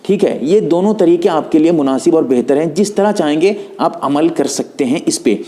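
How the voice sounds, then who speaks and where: Man, slightly high voice, religious instructor, patient step-by-step teaching, demonstrating while talking. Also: lively intonation, normal speed, dark tone. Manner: patient, explanatory, demonstrating as he talks.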